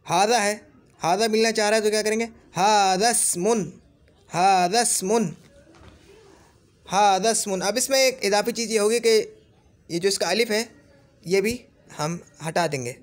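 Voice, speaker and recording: A man teaching Arabic grammar in Urdu, repeating each example word slowly and checking in with "theek hai?". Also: high voice. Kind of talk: explaining a grammar lesson.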